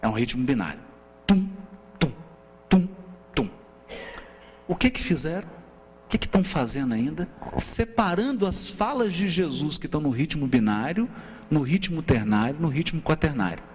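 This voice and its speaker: Brisk and fairly high-pitched, a Brazilian Portuguese-accented man lectures at a seminar, counting rhythms aloud and asking animated rhetorical questions, frequently ending with "né?". A faint hum sits under the reverberant hall sound.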